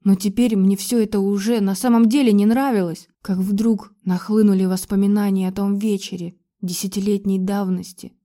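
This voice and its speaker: A woman's voice: medium pitch, level tone, normal speed, hardly any pauses, dark tone. A woman narrating a first-person romance audiobook with an emotional, dramatic delivery.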